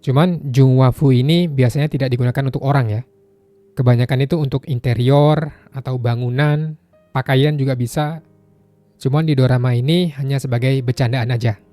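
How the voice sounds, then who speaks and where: Mellow-voiced man patiently explaining a lesson. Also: medium pitch, steady tone, normal speed, no room sound, faint music behind. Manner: patient, repeats points, casual spoken phrasing. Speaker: Japanese language teacher.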